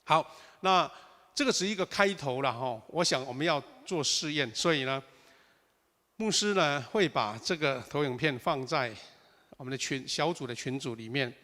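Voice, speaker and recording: A man's voice: fairly high pitch, moderate pace, pushed and bright. A man pastor teaching at an online prayer meeting. He explains step by step and tags his sentences with a casual "ha". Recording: long hall reverb.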